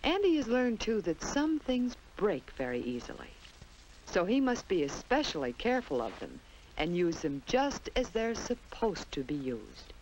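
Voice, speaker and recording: With a medium-pitched, slightly mellow, sing-song voice, an American woman narrates a 1950s instructional film for children at a moderate pace, keeping it simple and story-like for little ones. The old film soundtrack is roughly recorded, with slight background noise.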